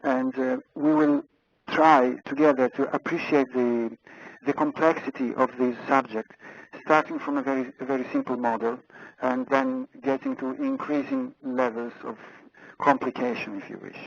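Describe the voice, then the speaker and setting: This webinar speaker from Italy talks through a phone handset with an Italian accent, and the line sounds muffled. He is hesitant, full of fillers and repeated words, with a mid-range voice, lively intonation, normal speed and vocal fry.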